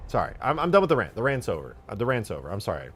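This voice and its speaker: A young man streaming from home, ranting in casual chat, swinging from mutters to loud outbursts and cursing a lot. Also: on the low side, huge pitch swings, very fast, husky.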